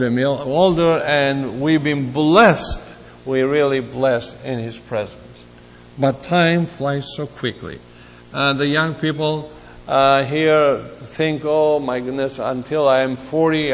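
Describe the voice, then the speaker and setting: A man in his seventies from Greece, giving a halting, reflective sermon with personal asides. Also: a little high, long reverb tail. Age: 70s. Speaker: preacher.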